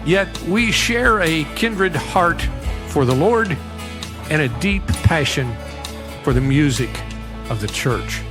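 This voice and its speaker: An older man from the American Midwest, a pastor hosting a podcast interview in a studio and speaking in a measured, formal, earnest way. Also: fairly high pitch, expressive, over music.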